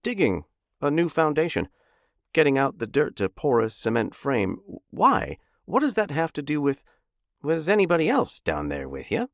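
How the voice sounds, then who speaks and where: A frantic middle-aged shopkeeper, as a male narrator puts him on, shouting and pleading with a voice pushed high above its usual low register. The delivery swings wildly, with a gravelly edge in a dry, close sound. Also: wildly swooping pitch, moderate pace, no room sound. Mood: urgent pleading. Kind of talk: audiobook character voice.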